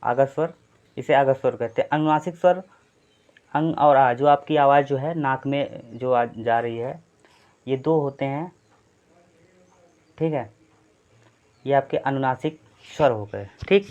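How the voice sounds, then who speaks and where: A man's voice: mid-range voice, a little mellow. A man teaching an exam-prep Hindi grammar lesson. He explains step by step, repeats points and often checks in with "thik hai". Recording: slightly dull lo-fi sound.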